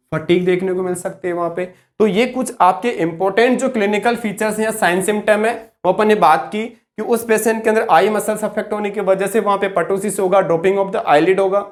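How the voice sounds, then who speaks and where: Speaking in a high-pitched voice, a male nursing tutor works through an exam-oriented lecture by asking questions and then supplying the answers. He drops his pace to hammer home important terms word by word.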